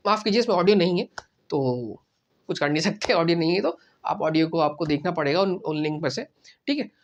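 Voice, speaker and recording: A male teacher talks through a language lesson in an easygoing, conversational way. He goes step by step, says sample phrases slowly and more than once, and keeps checking that the listener is following. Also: a little high, lively intonation, dull audio. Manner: explains step by step, often asks "right?" and repeats phrases slowly. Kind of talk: casual spoken lesson.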